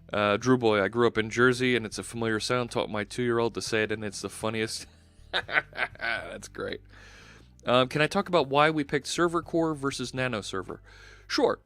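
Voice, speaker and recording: In a medium-pitched, slightly bright voice, a man in his forties from Philadelphia talks through his code on a casual live stream. He uses a headset in his indoor home studio and fills his spoken thinking with lots of fillers.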